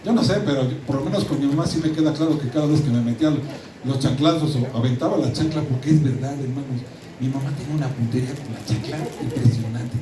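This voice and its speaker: A man's voice: mid-range voice, quick pace, background noise. A middle-aged man with a Mexican accent preaching a sermon, emphatic and prone to repeating words and restarting. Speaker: pastor. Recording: roomy echo, distant mic, audible room ambience.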